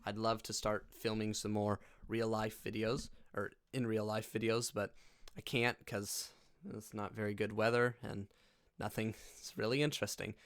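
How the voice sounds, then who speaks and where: A man's voice: lowish voice, level tone, moderate pace, smooth. A man hosting a casual reaction vlog, talking in a goofy, rambling way. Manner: goofy and rambling, laughs often. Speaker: YouTuber.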